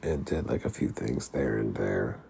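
A man with a gravelly, phlegmy voice, congested from being sick, talking casually about his life in a halting, rambling way. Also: rumbling low, mellow, slight background noise. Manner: halting, rambling, heavy use of "like"; casual swearing. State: sick, congested with mucus in throat. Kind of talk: casual personal diary-style talk.

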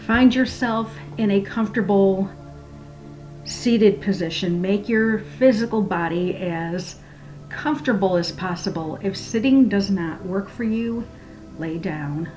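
Slow, soft, hushed woman guiding meditation. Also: medium pitch, faint music behind. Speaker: guided meditation leader. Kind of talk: slow guided meditation and prayer.

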